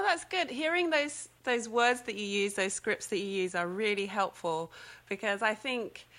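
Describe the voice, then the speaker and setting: A woman's voice: medium pitch, pushed and bright. A woman hosting a conversational interview, affirming and reflecting back her guest's points. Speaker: podcast host.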